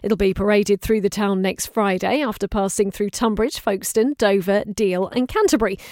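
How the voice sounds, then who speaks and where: Woman news presenter, brisk scripted reading, dry close sound, mid pitch. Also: no echo. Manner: brisk, bright news delivery.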